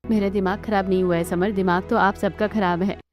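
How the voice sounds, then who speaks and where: A woman's voice: medium pitch, fairly even intonation, fairly quick, soft background music, natural voice. A woman voicing a tired, fed-up young daughter-in-law in a cartoon story. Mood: weary.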